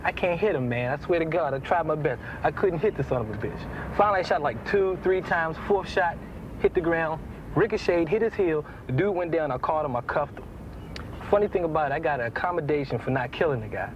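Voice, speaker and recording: A man's voice: fairly high pitch, brisk, lightly acted. An actor playing a boastful male ex-cop who tells a story with swagger, from a film soundtrack. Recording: dull film soundtrack with background noise.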